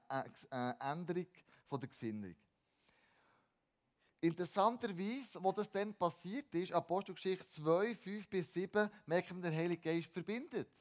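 A man preaching a sermon, animated, with repeated words and restarted phrases, swinging between emphatic lines and quiet ones. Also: sits high.

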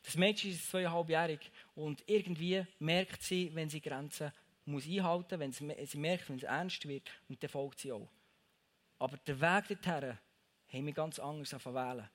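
A man's voice: fairly high pitch, normal speed, fairly bright tone. A young man gives a casual devotional talk, speaking straight to the listener and repeating his phrases for emphasis.

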